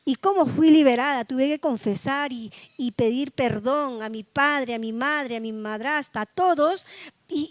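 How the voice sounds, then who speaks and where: A middle-aged woman pastor with a high voice delivers a sermon in a conversational, testimonial way, often tossing in tag questions to her congregation. The sound is dry and close, with little room echo.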